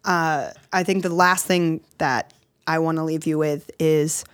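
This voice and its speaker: A woman's voice: deep voice, steady tone, a little slow, no room sound. A woman co-hosting a podcast, talking bluntly and casually and swearing freely. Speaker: podcast co-host. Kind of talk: casual chat.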